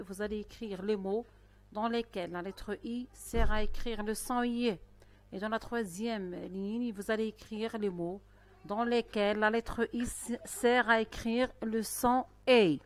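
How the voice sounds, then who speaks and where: A woman teaching a primary school spelling lesson, speaking slowly and carefully with pauses between phrases. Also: medium pitch. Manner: slow, careful dictation-style delivery with pauses. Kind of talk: recorded online lesson.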